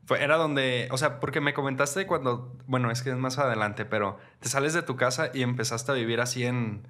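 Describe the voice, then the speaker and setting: A man's voice: mid-range voice, a little fast, a bit bright. A man with a Mexican accent hosting a casual interview, chatty and asking prompting questions. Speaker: host.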